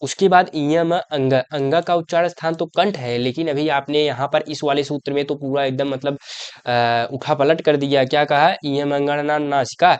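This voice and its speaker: A man's voice: on the high side, steady tone, moderate pace, few pauses, clear, resonant tone, no room sound, lo-fi sound. A young man teaching an exam-prep grammar lesson. He explains step by step, asks questions and answers them himself, and keeps calling the viewer his brother.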